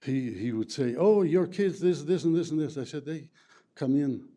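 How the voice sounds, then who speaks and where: At a county board meeting, an elderly man from the former USSR makes a public comment in faltering English, his first language being Plattdeutsch. He pitches his warm voice fairly high and stumbles through fillers and ungrammatical phrasing.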